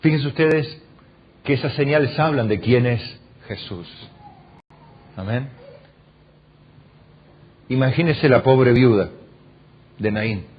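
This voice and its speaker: A man's voice: mid-range voice, slow, long pauses, lo-fi sound, a little hiss or hum. A man with an Argentine Spanish accent preaching a sermon as pastor, asking the congregation questions and acting out the voices in the stories he tells. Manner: animated preaching, acting out quoted lines, rhetorical questions. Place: church hall.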